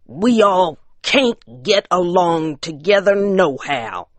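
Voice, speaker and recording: A woman's voice: on the low side, big pitch swings, slow, no echo, voice pushed up, exaggerated voice. A woman voicing a weary, mournful poor mountain husband speaking in plain rustic backwoods talk.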